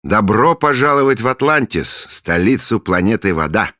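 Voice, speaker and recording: A man's voice: fairly low pitch, very animated, normal speed, dry recording, clean studio sound, pitched above the performer's own voice. A man voicing a grandiose middle-aged leader of a secret order, who speaks in solemn, imperious pronouncements. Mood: pompous. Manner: solemn, imperious pronouncements, later loud and hearty. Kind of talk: audiobook character voice.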